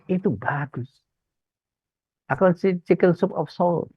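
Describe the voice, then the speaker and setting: The preacher takes it slowly, his voice sitting high and slightly rough as he shares stories in an informal Islamic talk and voices the people in them. There is no room sound, and the recording is dull, dry and lo-fi.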